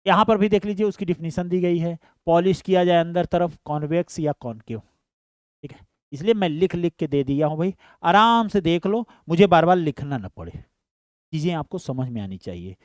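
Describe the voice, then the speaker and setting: A man's voice: fairly high pitch, darkish tone, dry recording, studio quality. A man teaching an online science lesson. He explains step by step, fondly calls his students "beta", and keeps asking whether they understood.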